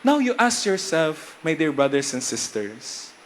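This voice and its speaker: A young man with a Filipino accent, a priest giving a lively homily and leading the congregation in call-and-response. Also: a little high, slow, slight background noise. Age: young adult.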